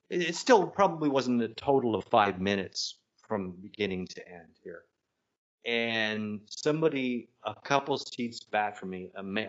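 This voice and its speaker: A man co-hosting a podcast, telling a story in a casual, animated way that keeps breaking off and restarting. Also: on the low side. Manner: animated, self-interrupting anecdote telling. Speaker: podcast co-host. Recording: dull lo-fi sound.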